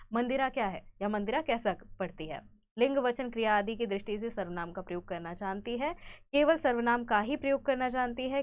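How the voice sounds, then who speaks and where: A woman teacher, brisk in manner, reading out exam questions and their options, then explaining the answers in an online exam-prep lesson. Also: on the high side.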